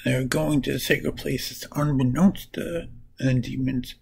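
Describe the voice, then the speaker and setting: A man casually retelling comic book plots in a halting, piece-by-piece way. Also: mid-range voice, fairly even intonation, gravelly, darkish tone, husky, rough recording.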